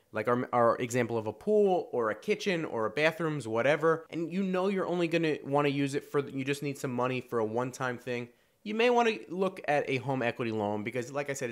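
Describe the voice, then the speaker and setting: A man talks through home finance in a relaxed, conversational way, his voice a bit nasal and stuffy from a cold. He repeats points, trips over words and restarts sentences as he goes. His pitch sits at an ordinary middle level for a man. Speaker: finance video host. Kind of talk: casual explainer to camera.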